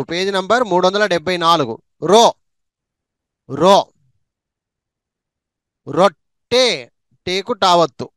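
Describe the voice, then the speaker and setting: A man teaching a reading lesson, saying each syllable and word twice in a slow, drawn-out drill. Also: high-pitched, no echo.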